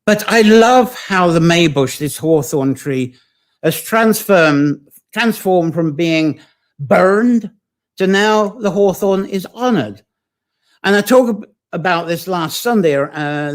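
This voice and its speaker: A man with a slightly higher voice hosts a live-streamed folklore talk. He wanders from point to point in an informal, rambling way and breaks off now and then to answer viewers' comments. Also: lively intonation, slow pace. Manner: chatty and digressive, reading out viewers' comments. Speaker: host of a live online folklore session.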